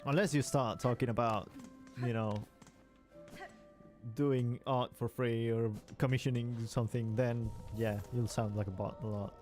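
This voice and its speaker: Unhurried and a little mellow, his mid-range voice stays steady as the Spanish streamer plays and banters with viewers, reacting to chat, laughing readily and saying "like" a lot. Faint music plays behind him.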